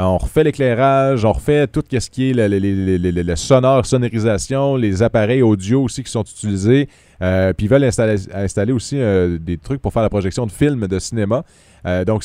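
A man's voice: mid-range voice, lively intonation, dark tone, no room sound, studio quality. A man with a Quebec French accent, a radio news host reading reports and then chatting casually about local news. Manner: quick, chatty, restarts and fillers.

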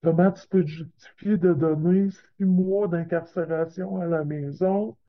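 A woman's voice: fairly low pitch, steady tone, measured pace, muffled recording. A woman with a Québécois accent speaking through a voice changer that hides her identity, talking in a direct, indignant way in a recorded news interview clip. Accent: Québécois French. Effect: voice altered by a voice changer for anonymity. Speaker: crime victim giving testimony.

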